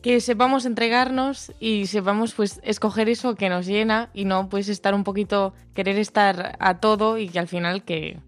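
A woman co-hosts an informal radio show. Her voice has a medium pitch, and faint music sits behind her conversation. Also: fairly even intonation, moderate pace, few pauses. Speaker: radio co-host. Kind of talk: casual radio chat.

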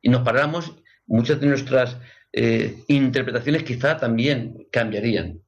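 Guy on a psychology radio show, calm and reflective, keeps tagging questions, medium pitch. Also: unhurried, dull audio. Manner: reflective, soft, ends phrases with "¿no?".

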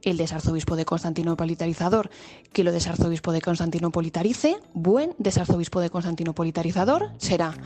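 Woman, mother, tongue twister, low, mellow, faint music. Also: fast talker, breathy edge. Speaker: mother taking part.

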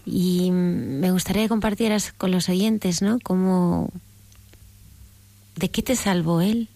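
A woman hosting a radio interview talks slowly and deliberately in a fairly low voice. The sound is dry and close, and she softens each question with tag questions. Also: vocal fry, dry recording. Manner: slow, measured, with many tag questions. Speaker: radio host.

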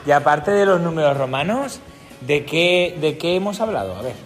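A man's voice: on the high side, big pitch swings, normal speed, soft background music. A man, a teacher quizzing children on a school radio show in an encouraging, playful way. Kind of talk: quizzing children in class chat.

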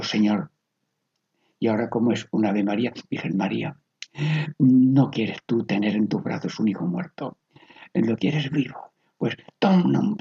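Man, priest, guided meditative prayer, slow soft whispered repetitions, dark gravelly voice. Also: medium pitch. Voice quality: gravelly, husky. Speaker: priest leading spiritual exercises. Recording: dull lo-fi recording.

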